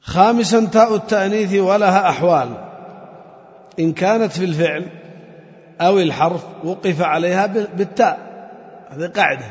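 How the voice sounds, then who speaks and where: A high-pitched man teaches a classroom lesson on Quran recitation, slowly drilling examples, chanting phrases, and quizzing his students. The sound is dull and lo-fi, with long reverb.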